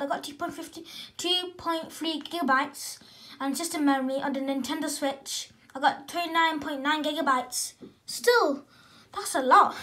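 A female gaming vlogger who sounds excited as she unboxes and talks through a new console in a casual, rambling way, often correcting herself mid-sentence. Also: high-pitched. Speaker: gaming channel host.

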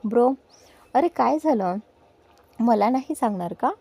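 A woman voicing a friendly young man who talks in a casual, coaxing way to a close friend, with a mellow tone. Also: a little high, lively intonation, measured pace, gravelly, full character voice.

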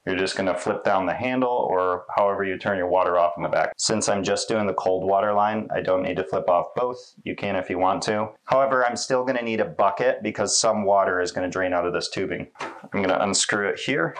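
A man in his thirties casually walking through a laundry installation step by step in a small laundry room, relaxed and conversational. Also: deep voice, brisk. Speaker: installation demonstrator. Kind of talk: casual how-to walkthrough.

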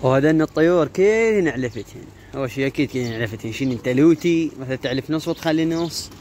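A slightly high, somewhat mellow male voice speaks fast and animatedly with an Iraqi Arabic accent. The pigeon keeper and YouTuber rambles through an informal phone vlog on a handheld phone, using repeated fillers, outdoors in a caged pigeon yard with cooing birds and faint noise.

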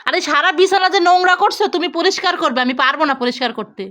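Mother and vlogger, casual and coaxing, addresses the audience; very high, bright voice. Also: fast. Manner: coaxing, teasing, talks to viewers. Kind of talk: casual family vlog.

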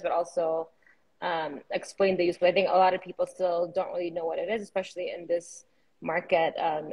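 A woman's voice: lowish voice, a little mellow, a little hiss or hum, poor audio. Woman host asking questions over a video call. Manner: hesitant, frequent ums.

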